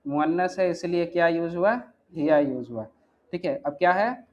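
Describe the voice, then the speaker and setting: Slightly high-voiced man teaching grammar. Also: normal speed. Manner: asks the class questions, repeats "ठीक है". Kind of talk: explaining grammar in class. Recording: dull lo-fi sound, faint noise.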